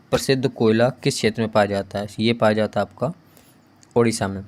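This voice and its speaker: A man's voice: lowish voice, darkish tone. Man teaching a GK quiz. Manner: reads question then answers, adds quick asides. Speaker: exam coaching teacher. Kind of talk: quiz-style GK lesson.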